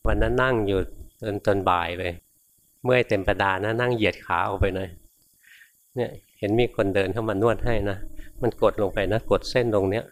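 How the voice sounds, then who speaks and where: A male Buddhist monk teaching in a casual, explanatory sermon style, often ending phrases with a soft particle and sometimes acting out inner thoughts in brief asides. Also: lowish voice. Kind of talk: conversational Dhamma sermon.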